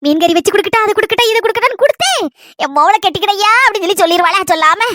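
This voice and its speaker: A woman doing a shrill scheming village mother. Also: pushed and bright, dry recording, studio quality. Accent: Kanyakumari Tamil. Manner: rapid, gossipy complaining. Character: scheming, fretful middle-aged village mother.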